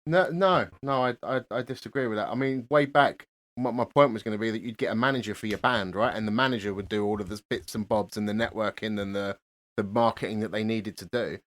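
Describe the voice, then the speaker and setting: A man hosting a podcast, talking in a relaxed, halting way. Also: lowish voice. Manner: relaxed, hesitant with many ums and restarts. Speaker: podcast host. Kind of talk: casual podcast chat.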